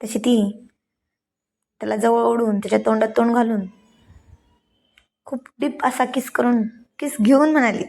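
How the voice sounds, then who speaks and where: Woman storyteller, fairly high voice. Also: steady tone, normal speed, pauses often, a little mellow. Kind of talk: read-aloud story narration.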